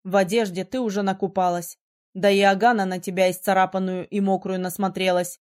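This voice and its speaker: A haughty young prince of a mage, short-tempered and used to giving orders, as a woman reading the book puts him on. He speaks in clipped, commanding lines at an ordinary middle pitch. It is a storybook character voice. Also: level tone, moderate pace, a little mellow, natural voice. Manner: curt, commanding. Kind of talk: audiobook character voice.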